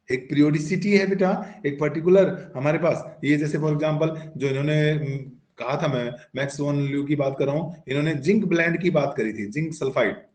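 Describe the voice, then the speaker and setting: A male physics teacher gives an online lecture with a slightly raised pitch. He keeps asking his students questions and answering them himself, slipping English terms into his explanations. The room around him is echoey. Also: darkish tone. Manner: coaxing, calls students "beta", asks and answers his own questions.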